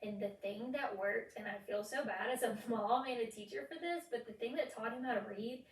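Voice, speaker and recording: A woman in her thirties co-hosting a podcast in casual chat, supportive and quick with agreement. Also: a little high. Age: 30s. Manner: supportive, frequent "mm-hmm" backchannels. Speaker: podcast co-host, mom and teacher. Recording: roomy sound, distant mic.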